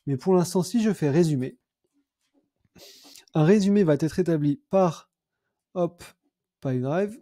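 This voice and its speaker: A young man demoing software in a screen-recorded tutorial, chatty and thinking aloud with fillers and self-corrections. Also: a little high, unhurried, pauses often, no echo, studio quality. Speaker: CRM consultant demoing software.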